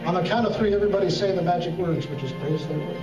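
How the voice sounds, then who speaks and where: High and fast, this male voice belongs to someone doing comedy magic patter in the manner of a kids' party magician and emcee, coaxing responses from the audience in a playful way. The setting is a talent show stage inside an echoey hall, recorded from far away, muffled, with music and a crowd.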